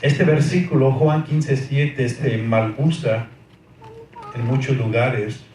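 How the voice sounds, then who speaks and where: A man preaches in a church hall, emphatic and slow, his mid-range voice steady and darkish. He asks the congregation rhetorical questions and repeats "amén" often. The hall is very echoey, the mic distant, with faint noise.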